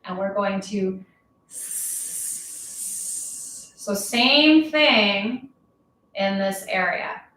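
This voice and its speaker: A woman instructor leading a yoga class, talking calmly and slowly with a gently playful touch. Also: medium pitch. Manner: calm, slow, gently playful. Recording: very echoey room, voice from far off.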